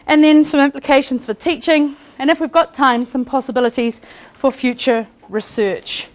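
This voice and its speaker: A woman from New Zealand with a New Zealand accent, giving a fast-talking, chatty and self-deprecating academic conference presentation in a lecture hall. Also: high voice, fairly even intonation. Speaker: conference speaker.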